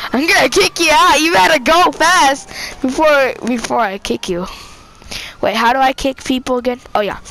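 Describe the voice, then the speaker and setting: A woman giving casual, excitable gameplay commentary, giggling often, talking to her viewers and yelling at other players. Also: medium pitch, a little hiss or hum. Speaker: gameplay streamer.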